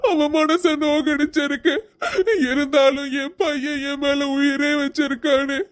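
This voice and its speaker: A woman's voice: high-pitched, level tone, measured pace. Woman voicing a sobbing, remorseful young father. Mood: tearful. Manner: sobbing, pleading, doting. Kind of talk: cartoon voice acting.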